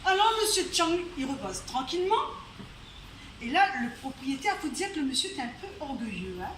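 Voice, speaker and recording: A woman's voice: sits high, very animated, brisk, a bit bright. A woman with a Réunion accent telling a folk tale live at an evening event, chatty, with asides to the audience and frequent laughter. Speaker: storyteller. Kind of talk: live oral storytelling. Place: storytelling evening in a venue. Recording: roomy, distant live venue recording with faint noise.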